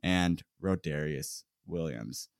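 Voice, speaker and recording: A man's voice: a bass voice, slow pace, vocal fry, dry recording. Chatty male podcast host, dry sound. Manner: chatty, laughs often, reads player lists. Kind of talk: casual sports podcast recap.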